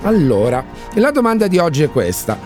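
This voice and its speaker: A man's voice: a little high, sing-song, brisk, darkish tone, faint music behind. A man presenting live radio as a chatty, playful Italian quiz host.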